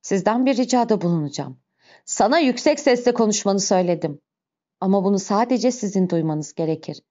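A woman voicing a calm, dignified middle-aged man who speaks softly and quietly even while under arrest. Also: medium pitch, a little fast, lo-fi sound, lightly acted. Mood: urgent. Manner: soft, calm, pleading quietly.

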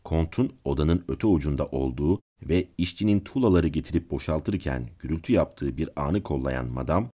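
A man reading a classic story aloud as a channel's narrator, calm and measured. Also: a bass voice, slightly rough. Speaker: audiobook narrator and channel host.

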